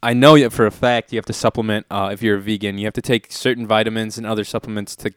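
A man's voice: fairly low pitch, fairly even intonation, fast talker, smooth, dry recording, studio quality. A man co-hosting a podcast, chatting casually in a laid-back way and swearing freely. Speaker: podcast co-host. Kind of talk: casual chat.

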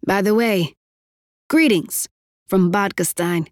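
A woman's voice: mid-range voice, takes it slowly, a little mellow, dry recording, clean studio sound, close to an everyday voice. A woman voicing a tall, thin, chatty young tech leader who keeps up an upbeat, jokey running patter. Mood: playful, grandiose.

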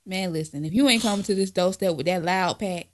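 A woman's voice: fairly low pitch, a little fast. A woman co-hosting a podcast, chatting casually in a blunt, profane way and laughing often. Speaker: podcast co-host. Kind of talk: casual chat.

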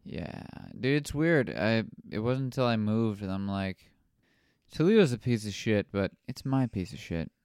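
A young man, a comedian, chatting casually on a podcast in a quiet, monotone voice, just woken up. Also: fairly low pitch, moderate pace, clean tone, no room sound, studio quality. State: sleepy. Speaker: comedian guest.

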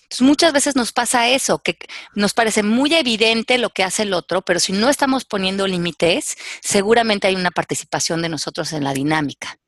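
Woman life coach, slow and calm, explaining things patiently, dry close sound. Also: mid-range voice, dry recording. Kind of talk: coaching talk on a panel show.

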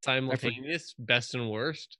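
A man's voice: mid-range voice, unhurried, pushed and bright, no room sound, clean studio sound. A man chatting casually and bantering with a group of friends.

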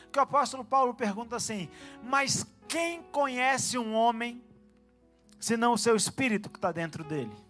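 A pastor with a high voice preaches a fervent sermon in a church, swinging between calm teaching and loud, shouted exhortations. He makes quick asides to people in the room.

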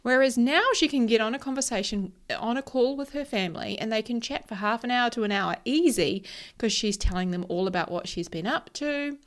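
A woman with a broad New Zealand accent and a fairly high pitch works as a mindset coach and presenter. She gives a casual motivational talk full of personal stories, speaking emphatically, informally and with plenty of swearing while often checking in with the listener.

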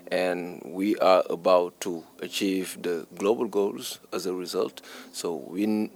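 A man's voice: sits low, vocal fry. A man from Senegal with a Senegalese accent, an English teacher answering interview questions earnestly, stressing points through repetition.

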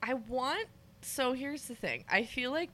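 Bright-voiced young woman chatting casually. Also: high-pitched, animated, a little slow. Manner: chatty, hedging with "like" and "I feel like". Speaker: podcast co-host. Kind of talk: casual chat reviewing a TV season.

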